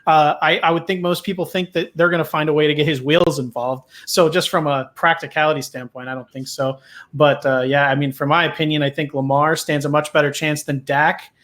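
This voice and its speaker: Higher-voiced man hosting a sports chat. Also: little pitch movement, fairly quick, fairly bright tone. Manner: hesitant, many fillers and restarts. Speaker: podcast host.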